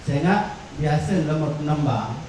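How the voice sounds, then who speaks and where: A man's voice: on the high side, a little mellow, a little hiss or hum. Man teaching in an echoey hall. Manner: explains slowly with many fillers and repetitions. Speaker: workshop instructor. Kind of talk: teaching talk on traditional verse. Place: workshop room. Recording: echoey room, far from the mic.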